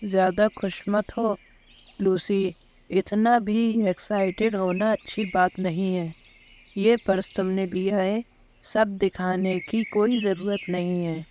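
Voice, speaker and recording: Woman doing a preachy animal guy telling his friend to calm down. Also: mid-range voice, a little hiss or hum, natural voice. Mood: cautioning. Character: sensible male animal, cautioning friend.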